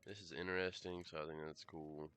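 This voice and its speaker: A man streaming a game in casual live commentary, rambling and hesitant with many fillers and self-corrections, coughing and clearing his throat now and then. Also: extremely low pitch, level tone, brisk, a bit bright, soft background music.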